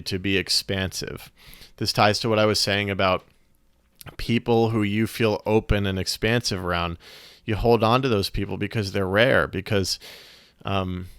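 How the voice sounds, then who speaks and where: A man talks through his thoughts on a solo podcast, earnest and searching, often restarting and pausing, a little out of breath. His voice sits low and sounds smooth and resonant. The recording is close and dry, with no room sound. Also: a bit bright, no room sound. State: slightly out of breath. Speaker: podcast host. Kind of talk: reflective solo podcast monologue.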